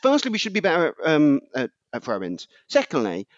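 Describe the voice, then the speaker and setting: A man's voice: a little high, wildly swooping pitch, fairly quick, no echo, dull audio. A man in his forties, a podcast guest ranting in casual chat and stumbling over repeated words. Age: 40s.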